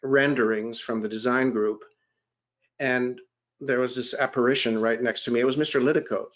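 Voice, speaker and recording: A man's voice: mid-range voice, steady tone, moderate pace. Rambling male panelist on dull lo-fi audio. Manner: rambling, self-deprecating, with restarts. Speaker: gemology writer and panelist. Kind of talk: anecdotal career storytelling.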